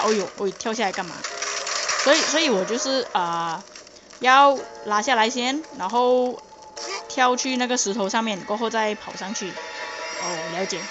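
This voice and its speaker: A woman's voice: a little high, low-quality recording. A woman commenting casually on a game she plays, talking to herself and urging herself to hurry. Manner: chatty, self-talking, urgent bursts of "hurry". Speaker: gameplay commentator. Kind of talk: casual let's-play commentary. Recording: loud background noise.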